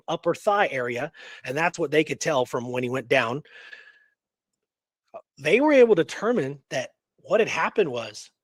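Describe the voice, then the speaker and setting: Telling history stories as a show host, this man is casual and animated, with an informal manner and frequent "you know what I mean." His voice sits a little high, with no echo.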